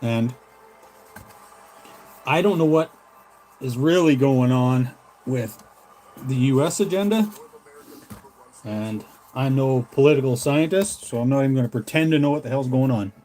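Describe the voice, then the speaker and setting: On a low-quality recording, a hobbyist lure maker from Canada chats casually with his livestream audience in a laid-back, folksy ramble. His mid-range voice has a dark tone, and he talks a bit slowly with frequent pauses.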